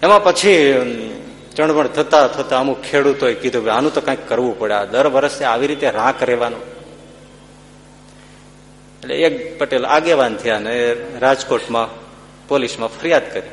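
A man telling a folk tale in a vivid storyteller's manner, his voice rising in loud bursts at the tense moments. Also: mid-range voice, normal speed, long pauses. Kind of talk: dramatic folk storytelling discourse. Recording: echoey hall with faint hum.

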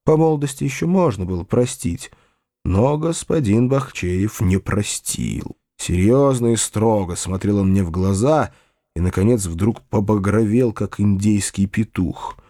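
A man narrating classic fiction as an audiobook, expressive and hesitant in first-person dialogue. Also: lowish voice, a little slow, no room sound, clean studio sound.

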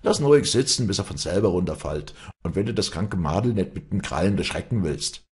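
A man's voice: sits low, lively intonation, fairly quick, darkish tone, pitched above the performer's own voice. A man voicing a stern Bavarian elder brother. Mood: commanding. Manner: stern, commanding.

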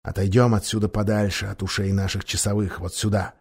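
A man voicing a scheming, soft-spoken lord who talks low and quietly in a storybook reading. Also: level tone, fairly quick, breathy edge. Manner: low, hushed, conspiratorial.

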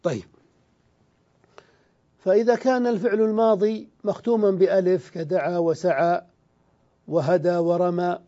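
Male grammar teacher, high-pitched and mellow, lecturing in a patient question-and-answer way, slightly dull recording. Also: steady tone. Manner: explains step by step, asking and answering his own questions; draws out example words slowly.

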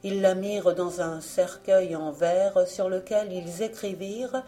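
A woman narrating a fairy tale audiobook. Her delivery is slow and deliberate, and her tone is dark and mellow. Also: on the low side, steady tone, soft background music. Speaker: audiobook reader.

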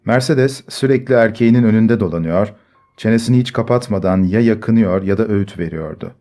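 A man reading a story aloud in measured scripted narration. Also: on the low side, dark tone. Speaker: audiobook narrator. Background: faint music.

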